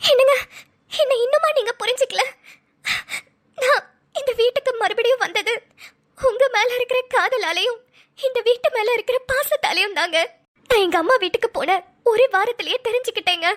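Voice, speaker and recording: A woman's voice: very high-pitched, quick pace, pushed and bright. A woman voicing a tearful, apologetic young wife in a cartoon, speaking colloquial Tamil Nadu Tamil. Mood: pleading. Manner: pleading, apologetic.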